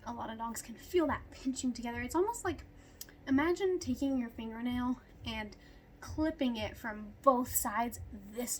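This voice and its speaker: Young woman, out of breath, chatty how-to talk, lots of ums, slightly high voice, faint room noise. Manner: chatty, lots of ums, talks to her dogs. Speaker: dog groomer demonstrating nail care. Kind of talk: casual how-to explanation. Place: at home with dogs.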